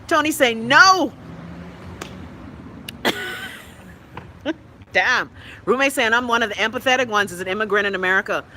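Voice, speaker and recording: With a voice on the high side and a moderate pace marked by long pauses, a middle-aged Bahamian-accented woman runs an online show against slight background noise. She reads viewers' comments aloud and replies in an animated, blunt way, swearing freely and having coughing fits along the way, all as casual live-stream commentary.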